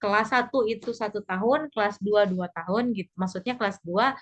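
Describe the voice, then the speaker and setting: A woman's voice: mid-range voice, a little fast, muffled recording. Chatty woman teaching a language class. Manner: patient, chatty, repeats points with fillers. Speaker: Japanese teacher. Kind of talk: recorded class explanation.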